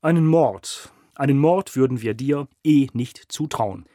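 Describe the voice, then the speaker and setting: A ruthless construction boss turned gangster, as a male narrator puts him on, hissing and snarling his lines louder and a touch higher than the narration. The voice sits in a mid register, recorded close and dry, with no room sound. He barks orders at his henchmen with cold scorn. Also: unhurried, no room sound, close to an everyday voice. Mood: snapping. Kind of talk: audiobook reading.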